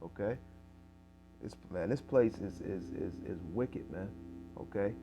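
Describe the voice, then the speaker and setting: Over music, a man with a low, slightly slow voice and vocal fry preaches in a casual street style. He reads scripture aloud, louder for the verses, and tags lines with "okay?" and "man."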